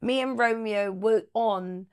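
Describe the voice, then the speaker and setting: A woman's voice: on the high side, smooth, no room sound, clean studio sound. Frank woman telling her story. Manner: frank, reflective storytelling with quick asides. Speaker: interview guest. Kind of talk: candid interview conversation.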